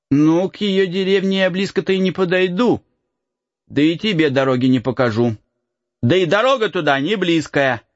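A man's voice: high-pitched, no echo, dull audio, voice pushed up. A man voicing a cheeky runaway boy from the woods who teases and cackles in a raised voice. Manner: teasing, cackling, folksy. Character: mocking cheeky forest boy, laughing runaway.

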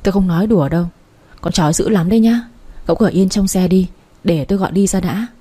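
A woman's voice: fairly low pitch, quick pace, dark tone, husky. A woman voicing an anxious, earnest young man in a storybook reading. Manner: fretful, pleading.

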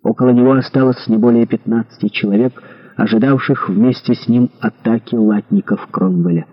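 A man reads an adventure novel aloud with dramatic expression. His voice is husky and mid-pitched, and the recording sounds slightly dull and lo-fi. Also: fairly quick. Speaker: audiobook narrator. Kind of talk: scripted narration.

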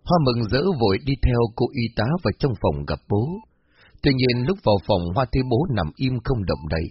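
A man narrating a spooky story in a steady, even storytelling voice. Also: mid-range voice, a little fast, dull audio, a little hiss or hum.

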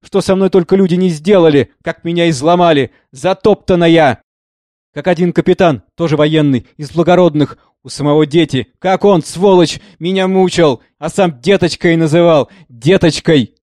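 Guy doing a broken young woman, shrill and loud, anguished, dry sound. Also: normal speed, no room sound, close to an everyday voice. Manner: shrill, crying out.

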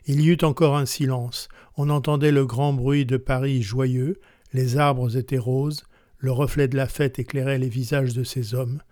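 A man narrating a literary text aloud in a measured, solemn way. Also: medium pitch, flat delivery, a little mellow, no room sound, clean studio sound. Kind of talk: literary reading.

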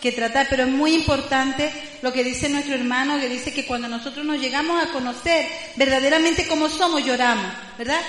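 A woman gently leading a religious class, addressing her listeners tenderly. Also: sits high. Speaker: class teacher. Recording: echoey hall with long reverb.

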